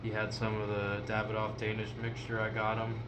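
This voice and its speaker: Low-voiced man chatting over clear background noise. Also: completely flat delivery, fairly quick. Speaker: hobbyist pipe maker and video host. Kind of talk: casual rambling vlog talk to viewers. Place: small unfinished workshop shed. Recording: noisy shed with mechanical hum.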